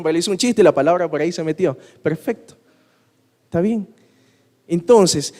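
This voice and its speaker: A man's voice: sits high, darkish tone. A man preaching in a conversational way with rhetorical questions and personal anecdotes, unable to pronounce his R sounds properly. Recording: long hall reverb.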